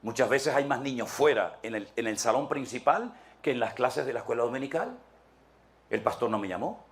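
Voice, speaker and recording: A man's voice: mid-range voice, lively intonation, a little fast. A man in his sixties from Venezuela, preaching an impassioned, rhetorical sermon as a pastor and acting out church members. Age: 60s.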